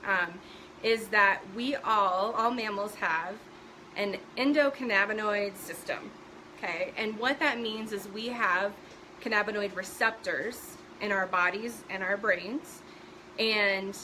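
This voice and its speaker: A woman's voice: medium pitch, noisy background. A middle-aged woman hosting a casual live stream from home, chatty and full of fillers, greeting viewers by name.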